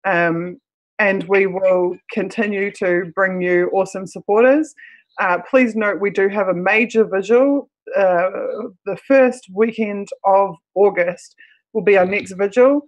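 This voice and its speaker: A host with a croaky, froggy voice addressing supporters on a livestream in an earnest, halting way. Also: medium pitch, poor audio.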